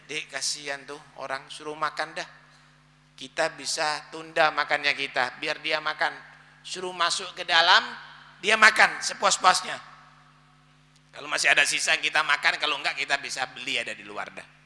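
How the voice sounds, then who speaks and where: Role: kind husband voiced by a man, soft and low-spoken. The husband sounds gentle and generous, with a bright edge and a long hall reverb around the voice. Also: normal speed.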